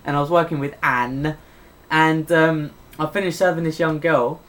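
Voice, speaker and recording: A man co-hosting a podcast, excitable and laughing often, tripping over his words in casual banter. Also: a little high, moderate pace. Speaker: podcast co-host.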